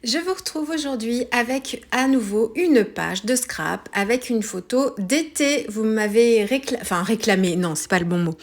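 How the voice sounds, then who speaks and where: A woman's voice: fairly high pitch, moderate pace, hardly any pauses. A woman with a French accent talks through a scrapbooking tutorial in a casual, hesitant way, full of fillers and self-corrections. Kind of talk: casual craft tutorial voice-over.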